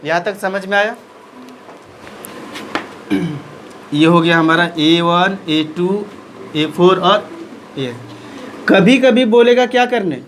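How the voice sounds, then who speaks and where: A man's voice: sits high, slow, long pauses, a bit bright, slight background noise, poor audio. A man teaching a maths lesson in speech, asking questions and answering them himself.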